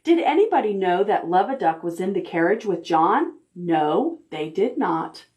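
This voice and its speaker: A woman librarian with a medium-pitched, very animated voice reads picture books to preschoolers and stops to ask them questions; the highs in the recording are cut off. Her storytime manner is gentle and deliberate.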